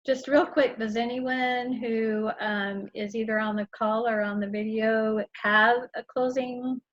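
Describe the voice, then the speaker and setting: A woman hosts a video call, her voice a little higher than average. The audio sounds dull and muffled. She moderates in a brisk, friendly way. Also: steady tone, fairly bright tone. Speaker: host of the call. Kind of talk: casual moderating.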